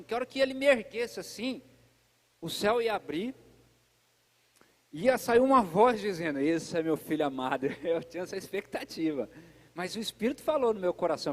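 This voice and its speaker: High-pitched guy preaching, chatty and lively, talks right to the crowd, big echoey church hall. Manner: lively and chatty, addresses the congregation directly. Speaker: pastor. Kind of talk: conversational sermon. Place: church service.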